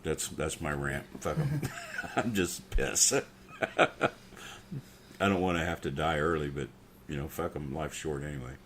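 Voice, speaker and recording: Blunt, profane man with a very deep voice. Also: measured pace, a bit bright, a little hiss or hum. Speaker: podcast co-host. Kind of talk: casual political rant.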